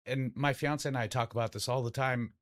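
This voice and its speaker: A man's voice: medium pitch, fairly even intonation, fairly quick. Male panel guest, medium register, casual conversational delivery.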